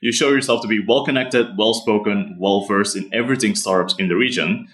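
A man's voice: fairly low pitch, a little fast, fairly bright tone. A man hosting a podcast, reading a short scripted intro and then asking questions in a friendly way. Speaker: podcast host. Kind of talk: interview hosting.

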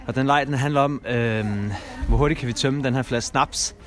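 A young man casually telling a rambling anecdote as a guest, with lots of fillers and restarts. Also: mid-range voice. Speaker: guest storyteller.

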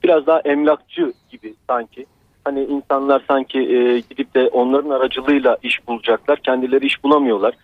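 A man talks into a radio show over a landline, his voice narrowed to a tinny, dry phone sound. He is mid-pitched and halting, pausing often as he searches for his words. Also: steady tone, dry recording. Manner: hesitant, halting, full of pauses. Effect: landline telephone line. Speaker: radio call-in caller. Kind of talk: call-in opinion.

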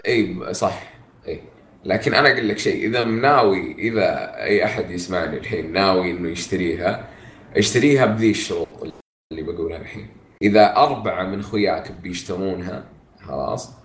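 A man's voice: deep voice, quick pace. A man co-hosting a casual gaming podcast, giving emphatic advice in banter. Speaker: podcast co-host. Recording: echoey room.

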